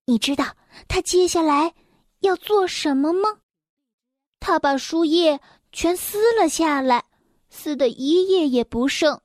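A young woman reading a children's story aloud, gentle and expressive, speaking directly to the children. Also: high-pitched, measured pace, no room sound, studio quality.

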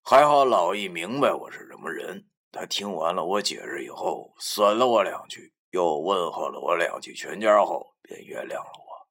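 A man narrating a first-person novel, often sinking into a breathy whisper. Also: low-pitched, lively intonation, moderate pace, hardly any pauses, a bit bright. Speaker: audiobook narrator.

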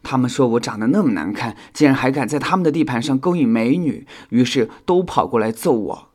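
A man's voice: mid-range voice, animated, moderate pace, a little mellow, voice pushed up, natural voice. A man voicing a clumsy, sulky male insect in a children's audio storybook, talking in a whiny, apologetic way.

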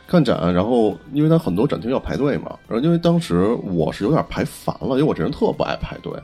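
A man with a Beijing accent telling stories in casual chat, animated and sweary, acting out what was said. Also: mid-range voice, quick pace, slightly rough, faint music behind. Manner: animated, acts out quotes, colloquial and sweary. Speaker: podcast co-host.

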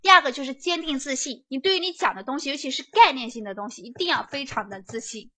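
A woman giving a lively prep lecture, chatty and often checking that students follow along. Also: sits high, quick pace. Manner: chatty, keeps asking students to confirm.

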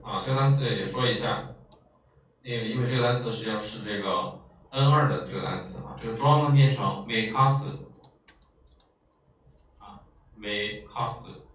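A man's voice: medium pitch, a bit bright, a little hiss or hum. Lecturing man in an echoey room. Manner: explains patiently, many filler "ah"s. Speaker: Japanese language teacher. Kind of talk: vocabulary lesson lecture. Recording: echoey, distant, dull lo-fi room.

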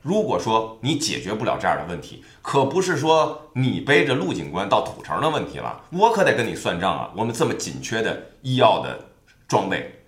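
A man's voice: lowish voice, big pitch swings, brisk. A man voicing a strict young woman doctor. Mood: grudging. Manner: firm, scolding. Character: young woman medical expert, strict and prim. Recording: roomy echo.

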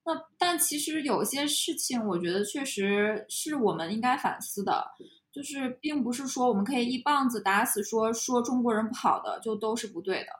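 A woman from China, co-hosting a podcast and talking in a reflective, measured, casual way. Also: fairly high pitch, animated. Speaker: podcast co-host. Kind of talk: casual conversation. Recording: echoey room.

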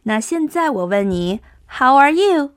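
A woman's voice: high voice, sing-song, over music. A young woman teaching English to small children, coaxing them along and stretching out each sound to demonstrate it. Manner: coaxing, drawn-out demonstrative phonics. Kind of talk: children's language lesson.

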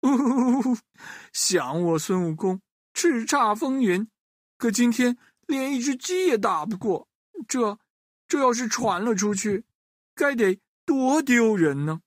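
A woman plays the proud monkey hero of a children's storybook. He is boastful and easily wounded, exclaiming dramatically with big swings in pitch. The sound is dry and close. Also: lively intonation, unhurried, no echo. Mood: tearful, humiliated.

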